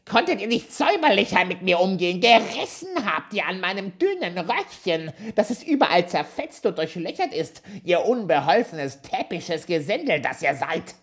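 A reader voicing an ill-tempered tiny old male dwarf with a shrill, screeching voice, scolding and insulting. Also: sing-song, moderate pace, hardly any pauses, close to an everyday voice. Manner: scolding, insulting, high and loud.

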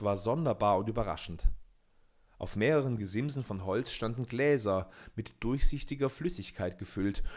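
A man reading a fairy tale aloud in a calm, measured storytelling manner. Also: lowish voice. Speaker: narrator.

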